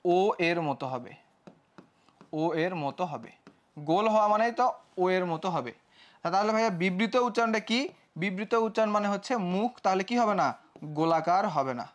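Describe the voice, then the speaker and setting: A young male teacher with a high voice runs a live online lesson. He explains step by step, keeps checking whether it is clear, and voices his students' questions himself. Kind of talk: live online class lecture.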